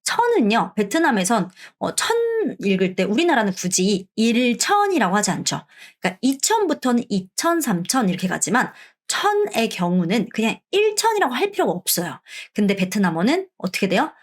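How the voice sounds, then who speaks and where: A middle-aged woman from Korea teaching an online language lesson. She explains each point, then says the words slowly and repeats them for learners. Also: mid-range voice, big pitch swings.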